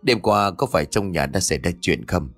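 A man's voice: low-pitched, animated, a little fast, vocal fry, fairly bright tone, dry recording, faint music behind, pitched below the performer's own voice, full character voice. A man voicing a frightened old village ritual master who speaks with a trembling, urgent voice in a ghost story. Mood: uneasy.

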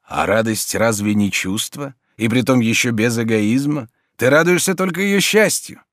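A man voicing a steady, practical friend who speaks calmly and reassuringly. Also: medium pitch, normal speed, no echo, clean studio sound, natural voice.

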